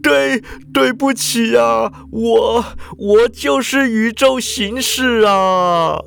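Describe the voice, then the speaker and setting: A man's voice: very high voice, steady tone, unhurried, a bit bright, a little hiss or hum, voice pushed up, exaggerated voice. A man voicing a depressed, cowardly former superhero who whines and wails. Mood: wailing despair. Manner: whiny, panicky, wailing.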